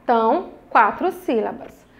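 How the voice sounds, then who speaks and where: A woman's voice: on the high side, lively intonation, measured pace, vocal fry. A young Brazilian woman teaching a recorded lesson to children, patient and encouraging, drawing out each syllable of words. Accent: Brazilian Portuguese. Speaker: primary school teacher.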